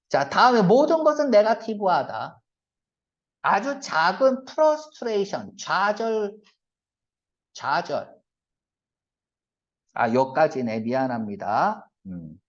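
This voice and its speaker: Male reading teacher, animated delivery that swings between polite and blunt, keeps quizzing the class; dull lo-fi lecture capture. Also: a little high. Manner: brisk, fires rhetorical check-questions at students; switches between polite and blunt casual speech. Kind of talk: exam-prep lecture. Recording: lo-fi lecture recording.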